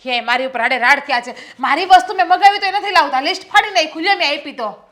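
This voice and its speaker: An actress playing a quarrelsome, sarcastic daughter-in-law in a stage play, speaking. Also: female voice, sits high, quick pace, sharp tone. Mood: scornful. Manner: taunting, sarcastic, scolding. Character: quarrelsome scornful young wife and daughter-in-law. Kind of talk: Gujarati stage-play acting.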